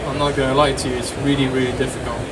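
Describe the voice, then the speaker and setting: A French game designer in his thirties talks to an audience in a small, dark convention room, sounding casual and upbeat and repeating words. His voice is medium-pitched and flat, and he speaks very fast. A distant camera mic captures him along with loud room noise.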